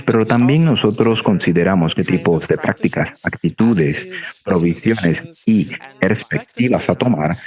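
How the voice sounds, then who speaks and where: A low-voiced man works as a live interpreter for a panel webinar. He delivers the words in short phrases, pausing and then moving on unevenly. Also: darkish tone.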